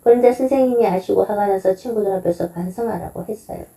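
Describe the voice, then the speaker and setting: A woman's voice: mid-range voice, fast, mellow, echoey room, distant mic, close to an everyday voice, low-quality recording. A woman reading the lines of a six- or seven-year-old boy, with little change from her own voice. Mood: earnest. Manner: plain read-aloud child lines, little change of voice. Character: young boy, six or seven, upset then calmer.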